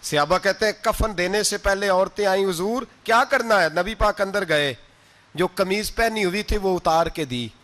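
High-voiced male preacher, fervent sermon delivery, slow sung verse lines, big dynamic swings. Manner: impassioned, swings between loud exclamation and hushed tender tones; chants poetry slowly in a drawn-out singing way. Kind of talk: emotional Urdu sermon with recited verse.

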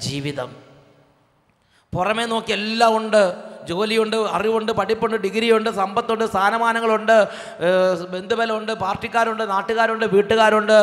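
A man, a priest, delivering a dramatic sermon, swinging from hushed tones to loud outbursts. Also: sits high. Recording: echoey hall.

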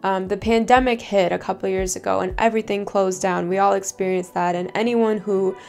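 A young woman chats earnestly about her gym routine in a relaxed, conversational vlog voice. Her pitch sits mid-range for a woman, with soft music under her talk. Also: a little fast, vocal fry. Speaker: fitness vlogger. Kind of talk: casual advice vlog. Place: bedroom, home studio and parked car.

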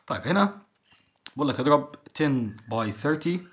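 A man with an Egyptian Arabic accent, teaching a school English lesson and drilling each word by repeating it slowly. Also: a little high, animated.

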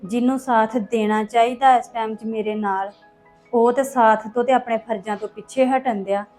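Woman voicing an upset young wife, high voice, pleading and defensive, family web drama, soft music underneath. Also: steady tone, normal speed, lightly acted. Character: hurt young wife, defensive, troubled by husband. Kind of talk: acted family drama dialogue.

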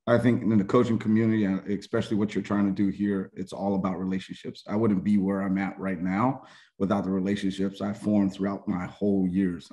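A man's voice: low voice, mellow. A middle-aged man from Hawaii, a college football coach, introducing himself earnestly and plainly on a video call from home. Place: home room indoors. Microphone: video call webcam.

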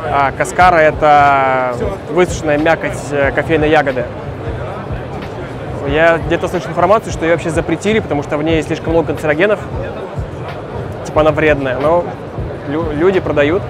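A man giving a relaxed voice-over about tasting a drink. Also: a little high, fairly quick, long pauses, a crowd in the background. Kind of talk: vlog voice-over commentary. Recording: music bed behind.

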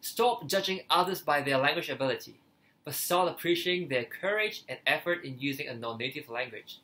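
A man's voice: a little high, animated, brisk, bright, forceful tone, rough recording. A young man from Hong Kong with a Cantonese accent, a native Cantonese speaker, talking earnestly to camera as a language-learning vlogger. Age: young adult. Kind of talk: earnest opinion talk to camera. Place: small living room, indoors.

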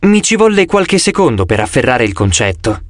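Lively, expressive male audiobook narrator. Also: normal speed, no echo, studio quality. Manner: lively, expressive reading that shifts pitch for each character. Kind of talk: scripted audiobook narration with character voices.

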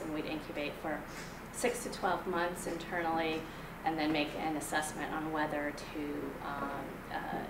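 A woman in her forties from Kenya, giving a conversational conference presentation with many ums and restarts. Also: low voice. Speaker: venture investor giving a talk. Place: meeting room in front of a projector screen. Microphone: room mic from a distant camera. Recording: echoey room, far from the mic, audible room noise.

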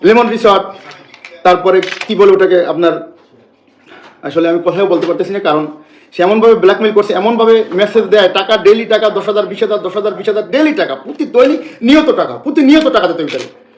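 A man rants on a live stream, circling back and repeating himself. His voice sits high and his words tumble out quickly. The room adds a noticeable echo. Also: slight background noise. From Bangladesh. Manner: agitated, repetitive, rambling. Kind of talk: emotional live-stream complaint.

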